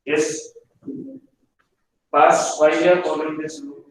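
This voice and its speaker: A man's voice: fairly high pitch, flat delivery, unhurried, slight background noise. A man teaching a hotel management practical class, stern and repetitive, pressing students for answers. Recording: echoey room from far off.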